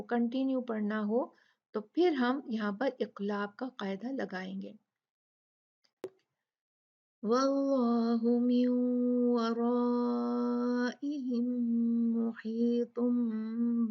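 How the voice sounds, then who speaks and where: Patient woman teaching recitation slowly. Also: on the high side, gravelly, highs cut off. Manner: patient, explanatory, repeats and drills words slowly. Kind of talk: step-by-step tajweed lesson.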